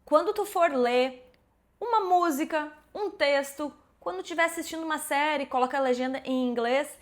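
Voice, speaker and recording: A woman in her forties from Brazil, teaching English to camera and slowing down to model words. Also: high-pitched.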